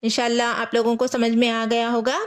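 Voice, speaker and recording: A woman teaching a Quran reading lesson, patiently repeating each rule, asking her students questions and slowly spelling out letters. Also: on the high side, completely flat delivery, smooth. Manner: patient, repeats rules and asks rhetorical questions.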